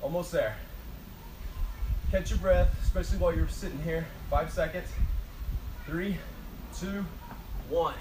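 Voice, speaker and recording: A man's voice: a little high, normal speed, long pauses. A male aerobics instructor leads a timed workout with short, motivating commands and countdowns. He is exercising as he talks. The camera picks him up from a distance on a covered porch, with echo and a faint layer of noise. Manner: motivational coaching, counting down, short urging cues; exercising while talking. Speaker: fitness instructor. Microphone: camera several metres away. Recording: echoey, noisy, distant camera microphone outdoors.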